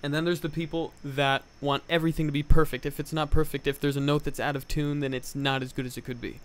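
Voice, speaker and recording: A man's voice: on the high side, level tone, quick pace. A man who is a musician, a guest on a podcast, talking casually and enthusiastically, giving strong opinions and laughing easily. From United States. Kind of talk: casual interview chat.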